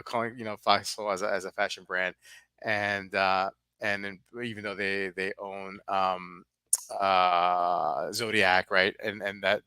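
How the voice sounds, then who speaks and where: A man's voice: on the low side, sharp tone, smooth, no room sound. A man in his fifties co-hosting a casual livestream chat, talking loosely with plenty of fillers and tag questions. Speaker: livestream co-host.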